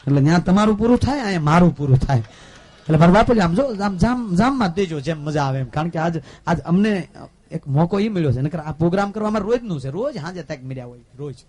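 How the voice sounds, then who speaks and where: High-voiced Saurashtra folk storyteller man. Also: animated, fast talker. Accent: Saurashtra Gujarati. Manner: rustic, preachy humor, swings between loud exclamations and soft asides. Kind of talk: live folk storytelling with jokes and sermon. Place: live stage program before a gathering.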